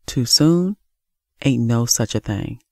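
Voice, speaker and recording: A man's voice: mid-range voice, lively intonation, takes it slowly, vocal fry, warm tone, dry recording, studio quality, full character voice. A narrator voicing a drunk, dismissive young man who drawls in slangy, defiant speech in an audiobook. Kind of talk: audiobook character voice.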